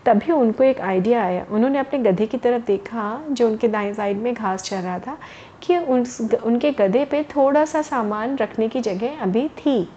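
A woman's voice: on the high side, measured pace, mellow, highs cut off, a little hiss or hum. A woman storyteller narrating a tale to children, explaining words as she goes and addressing them directly.

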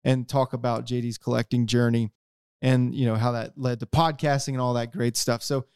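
A man's voice: mid-range voice, level tone, normal speed, darkish tone, clear, resonant tone, no echo, clean studio sound. A man hosting a collectors' podcast, joking and rambling in a casual chat. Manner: jokey, rambling, self-mocking. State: tired from no sleep. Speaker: podcast host.

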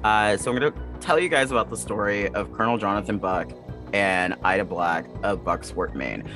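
Over background music, a man co-hosts a casual podcast, rambling with plenty of fillers and restarts. His voice sits on the low side and moves fairly quickly.

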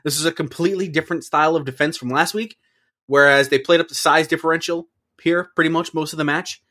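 A man's voice: on the high side, fairly even intonation, fast talker, pushed and bright. A man co-hosting a podcast, casually recapping results and reacting with offhand swearing. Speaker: wrestling podcast co-host.

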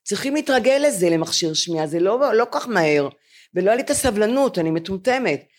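A woman's voice: mid-range voice, lively intonation. A woman in her seventies, a podcast co-host, chatting in a self-mocking, storytelling way before a live audience. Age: 70s.

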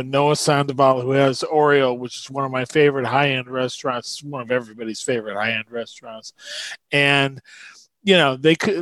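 A man giving a casual interview as a guest food writer, halting as he searches for words, his speech thick and slurred from a swollen tongue. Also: mid-range voice, dry recording, poor audio.

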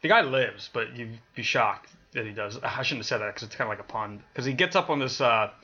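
Male podcast co-host, animated and lively, casual and profane, slightly muffled recording. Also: mid-range voice, fairly quick, breathy edge. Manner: animated, laughs often, swears casually. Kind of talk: casual chat.

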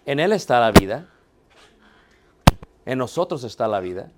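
Against a very noisy backdrop, a man with a mid-range voice and big swings in pitch teaches theology at a moderate pace. He's a Bible teacher who questions his students, checks their understanding, and answers the rhetorical questions he poses.

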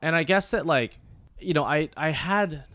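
Speaking at normal speed with a slightly high, sharp voice, a thirtysomething man from Oklahoma rambles through a casual conversational podcast interview as the guest. He fills it with many fillers and frequent restarts.

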